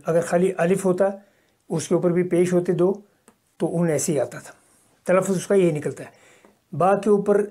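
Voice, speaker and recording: A man's voice: sits high, dark tone. A man from Kashmir giving a recorded Arabic lesson, explaining step by step and repeating each example patiently. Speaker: Arabic teacher. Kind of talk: recorded language lecture.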